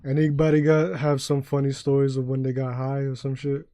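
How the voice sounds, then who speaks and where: A man's voice: medium pitch, monotone, a little fast, warm tone, dry recording. A young man from New York chatting casually and telling rambling, profane stories while streaming a game. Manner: profane, rambling, jokey storytelling. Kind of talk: casual live-stream chat while gaming.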